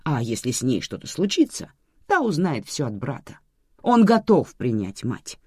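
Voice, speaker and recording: A storyteller reading a family drama in expressive scripted narration. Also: medium pitch, moderate pace, husky, no echo, studio quality.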